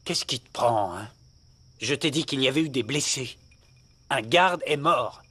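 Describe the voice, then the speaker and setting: A man's voice: medium pitch, expressive, measured pace, bright, forceful tone, breathy edge, full character voice. A man in a dubbed telenovela, speaking in an earnest, reproachful way. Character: grave middle-aged man, reproachful husband.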